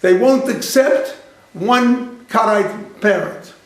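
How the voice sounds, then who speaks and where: Male rabbi lecturer, higher pitch, anecdotal storyteller, very roomy hall sound. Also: slow pace. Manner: anecdotal, repeats phrases, acts out dialogue. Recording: very echoey lecture room.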